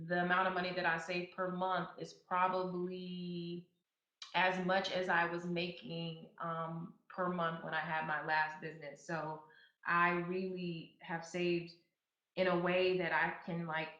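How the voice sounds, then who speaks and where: A woman's voice: on the low side, completely flat delivery, unhurried, fairly bright tone. A woman in her thirties hosting a podcast, talking casually with fillers and restarts and turning emphatic when she gives advice. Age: 30s. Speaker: podcast host. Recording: echoey, slightly dull sound.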